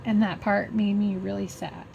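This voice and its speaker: A middle-aged woman vlogger slowly telling a personal story while crafting, halting and emotional. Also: medium pitch, level tone, gravelly, dull audio, slight background noise.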